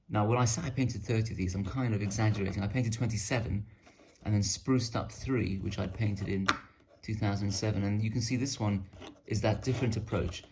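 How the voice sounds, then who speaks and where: A man's voice: fairly low pitch, vocal fry, noisy background. A man casually showing off his painted miniatures, rambling and self-deprecating. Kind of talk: casual hobby show-and-tell.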